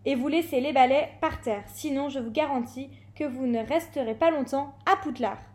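A woman voicing a stern, brisk female flying teacher who gives clipped, commanding instructions in a storybook read-aloud. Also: high-pitched, a little mellow, close to an everyday voice.

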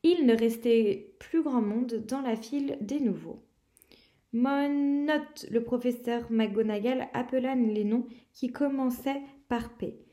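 Woman, higher voice, reading a novel aloud, small slips and corrections, raised voice on called names. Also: unhurried, mellow. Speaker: reader.

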